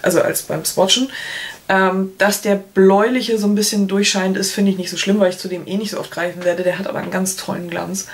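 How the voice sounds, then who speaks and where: A woman's voice: mid-range voice, fairly even intonation, fairly quick. A woman in her thirties chatting casually to camera in a product review, with playful colloquial asides. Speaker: beauty vlogger. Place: small room at home, indoors. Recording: clear background noise, clicks.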